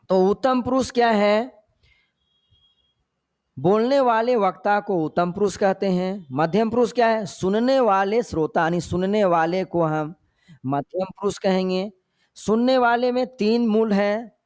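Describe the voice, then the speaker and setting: A man with a Hindi accent from Jharkhand, teaching grammar in an exam-prep lecture, speaking slowly and repeating key points, often telling students to pay attention. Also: sits high.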